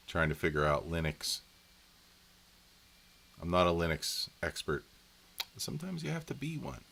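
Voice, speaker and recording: A man's voice: a bass voice, fairly bright tone. A man hosting a casual live stream from home, rambling in a folksy way as he talks to his viewers.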